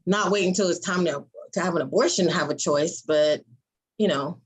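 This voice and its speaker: A woman's voice: lowish voice, moderate pace, breathy edge, rough recording. A woman hosting an open discussion, talking earnestly and candidly about her own experiences. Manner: earnest, storytelling, with sudden loud bursts. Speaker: host.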